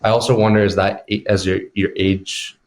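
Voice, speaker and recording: Male guest, lowish voice, casual and reflective, asks thoughtful questions. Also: little pitch movement, moderate pace. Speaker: podcast guest. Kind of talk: casual interview chat.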